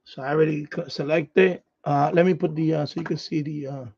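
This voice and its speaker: High-pitched gravelly man, casual streamer. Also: steady tone, fairly quick, heavy background noise. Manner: muttering to himself, with louder call-outs. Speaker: ham radio live stream host. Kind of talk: casual live stream chat with radio calls. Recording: dull, lo-fi sound.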